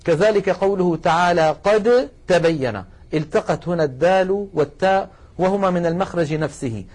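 In a recorded lesson, a man patiently teaches the rules of Quran recitation, addressing his listeners as brothers and slowing right down to recite each example. His voice is high-pitched with a darkish tone.

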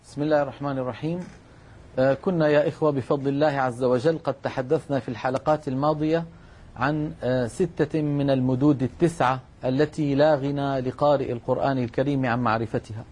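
A man teaching Quran recitation rules in a measured, patient way, repeating key points. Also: medium pitch, steady tone, darkish tone, breathy edge. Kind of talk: explanatory lesson.

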